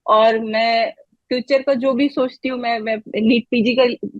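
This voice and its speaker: A woman's voice: a little high, fairly even intonation, unhurried, no echo, highs cut off. A woman guest in an interview, a medical graduate giving casual, encouraging study advice in a flowing, chatty way.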